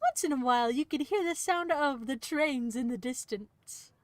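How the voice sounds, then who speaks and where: High-voiced woman reading a game aloud. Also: expressive, normal speed, dry recording. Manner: reads narration aloud, breaks off for playful asides. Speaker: streamer. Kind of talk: reading a visual novel aloud on stream.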